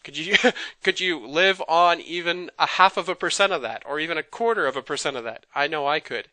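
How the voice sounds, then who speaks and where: An excited man pitching a business opportunity on a web presentation, rattling through his points quickly and eagerly. His voice sits a little high and sounds bright and crisp. The sound is dry and close. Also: no echo. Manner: excited, fast-talking, salesy. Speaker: webinar presenter. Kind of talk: enthusiastic sales presentation.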